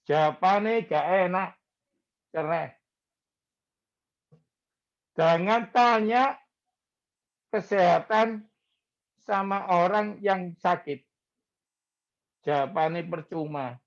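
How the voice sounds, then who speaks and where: A male pastor, preaching in a slow, conversational way and mixing in words. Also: sits high, lo-fi sound. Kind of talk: sermon.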